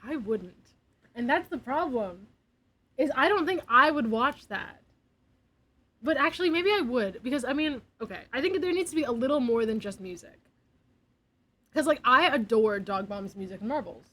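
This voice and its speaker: A woman's voice: on the high side, animated, moderate pace, a bit bright, poor audio. A young woman streaming, chatting casually and giggly, sometimes dropping to a near whisper. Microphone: desk mic.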